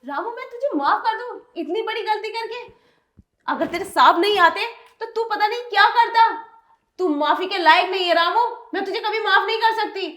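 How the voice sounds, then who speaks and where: A woman's voice: extremely high pitch, normal speed, fairly bright tone. A woman playing a wife and lady of the house who questions everything in disbelief in a short film drama. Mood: reproachful.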